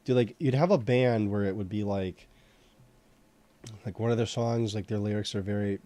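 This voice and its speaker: Male host, low and mellow, loose rambling chat full of fillers, casual swearing. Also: moderate pace. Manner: rambling, heavy on fillers like "you know" and "like". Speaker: host sculpting in 3D software. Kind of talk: casual chat while working.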